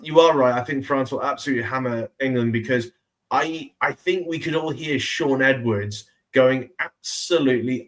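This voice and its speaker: A man in his twenties co-hosting a casual sports podcast, chatty with quick asides. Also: mid-range voice, a bit bright. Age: 20s. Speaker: podcast co-host.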